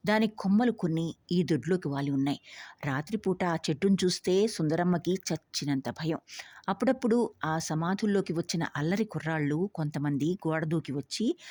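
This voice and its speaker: A woman storyteller narrating a novel aloud in a steady, even manner with a husky voice. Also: on the low side, no echo.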